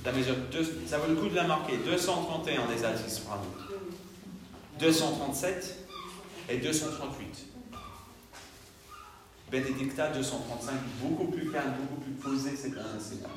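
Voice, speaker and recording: A man's voice: medium pitch, moderate pace, pauses often, crowd noise. A man leading a choir rehearsal, counting beats aloud and singing short phrases to show the rhythm. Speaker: choir conductor. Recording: very echoey, voice far from mic, audible background noise.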